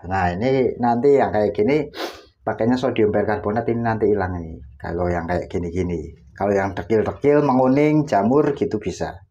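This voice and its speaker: Working at home in his indoor laundry area, a male tutorial host casually walks through a how-to demonstration step by step. His voice is fairly low, warm and moderately paced, and the recording sounds lo-fi.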